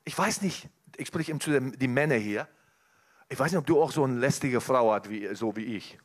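A man's voice: medium pitch, moderate pace. A man preaching a sermon at a church service, talking earnestly to the congregation, often restarting his sentences. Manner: earnest, with frequent restarts and direct address to the congregation.

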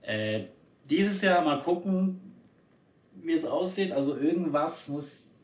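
A man's voice: on the high side, expressive, takes it slowly, darkish tone, reverberant. A man from Spain in casual conversation, chatty and hesitant, with many fillers. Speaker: conversation partner. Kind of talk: casual chat.

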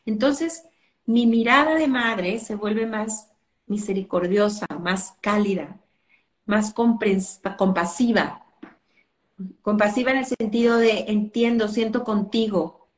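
A woman's voice: medium pitch, takes it slowly, reverberant. A woman parenting educator explaining things earnestly in an interview, acting out what parents say. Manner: earnest, acts out parents' quotes.

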